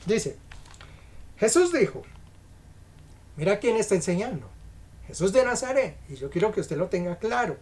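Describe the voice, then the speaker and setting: A woman's voice: medium pitch, sing-song, normal speed, long pauses, darkish tone. A woman preaching an evening sermon, reading scripture aloud and explaining it emphatically, often asking her listeners direct questions.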